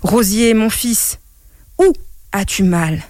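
A patient and devoted male gardener from a storybook, speaking in a soft, tender voice, voiced by a woman reading the tale. He takes his time over every word. The sound is dry and close. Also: medium pitch, slow, no room sound, natural voice.

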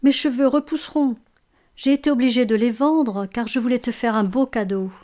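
This is an anxious, tender young wife from a storybook, as a woman narrator puts her on, her voice raised higher and louder than plain narration. She pleads with strong feeling. The delivery stays emotional throughout. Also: normal speed, natural voice. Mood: pleading.

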